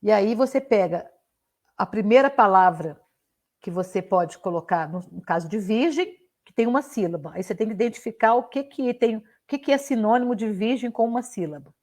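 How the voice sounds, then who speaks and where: A woman's voice: mid-range voice, lively intonation, fairly quick, darkish tone. An older woman, a professor giving a playful live online talk, reciting riddles and tongue twisters with frequent restarts over a video call microphone. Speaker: guest speaker, professor.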